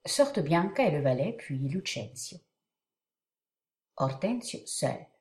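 A woman's voice: sits low, sing-song, takes it slowly, a little mellow. A woman reading a play's stage directions and character names as scripted narration. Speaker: solo reader of a play.

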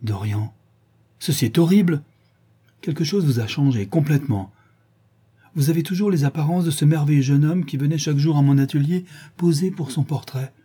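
A grave, sorrowful painter reproaches his friend, read by a man. The voice is dark and husky, and it sits a little lower. The delivery is earnest, like an audiobook character. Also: moderate pace. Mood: dismayed.

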